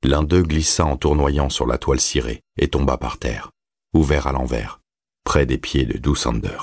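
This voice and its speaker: Un homme qui lit un roman en livre audio, d'un ton posé et régulier. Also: male voice, rumbling low, slightly rough, no room sound. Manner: steady, measured storytelling. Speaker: narrator. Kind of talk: audiobook reading.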